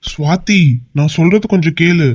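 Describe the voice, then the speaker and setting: A woman's voice: lowish voice, normal speed, dry recording, dull audio, close to an everyday voice. A woman voicing a coaxing young husband. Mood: coaxing, reassuring. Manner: coaxing and gently teasing. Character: soothing young husband, affectionate and teasing. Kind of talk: amateur cartoon voice acting.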